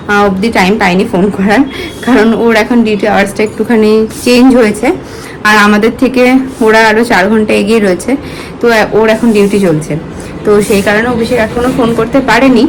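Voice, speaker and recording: A woman's voice: mid-range voice, a little hiss or hum, low-quality recording. A woman, talking casually through her daily routine in a home vlog. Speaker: vlogger.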